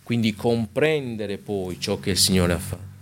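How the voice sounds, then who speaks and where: A man's voice: on the low side, moderate pace, a little hiss or hum. A man preaching a sermon in an earnest manner, reading scripture aloud and speaking directly to his congregation, stretching out key words for emphasis.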